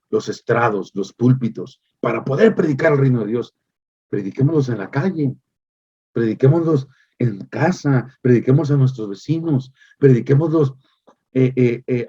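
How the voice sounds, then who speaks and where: A male pastor delivering a sermon in an emphatic preaching manner, repeating phrases and pausing with hesitant fillers. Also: medium pitch, dark tone, husky, highs cut off.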